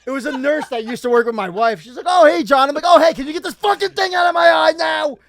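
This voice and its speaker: A man co-hosting a podcast, telling a story in a casual, animated way, swearing often and acting out what people said. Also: extremely high pitch, fast. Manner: animated, swears a lot, acts out quotes. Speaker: podcast co-host.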